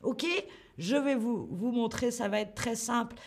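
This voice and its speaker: Slow-speaking woman teaching French. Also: fairly high pitch, a little mellow. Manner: slow, clear, encouraging, greets chat viewers by name. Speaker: French teacher hosting a livestream. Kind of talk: live online language lesson.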